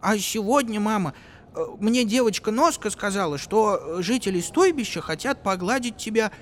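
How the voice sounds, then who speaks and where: A man voicing a small, quick and clever little girl in a storybook reading, eager and pleading. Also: sits high, animated, pitched above the performer's own voice. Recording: music playing behind the voice.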